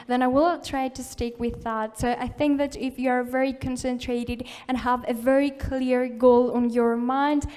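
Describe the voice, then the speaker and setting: A woman's voice: fairly high pitch, darkish tone, clean tone. A woman speaking at a tech conference, encouraging and informal, with plenty of "like" and "uh" fillers. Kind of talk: live conference talk. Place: conference hall.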